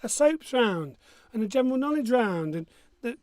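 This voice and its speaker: A high-pitched man hosts a casual quiz, reading out questions and answers. He has a missing front tooth and a joking, self-deprecating manner. The sound is close and dry. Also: big pitch swings, moderate pace, a little mellow, no room sound. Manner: jokey, self-mocking. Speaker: quiz host.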